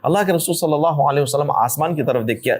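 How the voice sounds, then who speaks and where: Animated man giving a casual religious talk. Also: a little high, husky. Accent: South Indian Hindustani. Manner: conversational and animated, acts out quick voices and teases listeners. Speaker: Islamic speaker leading a marriage workshop. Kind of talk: informal religious talk to a live audience.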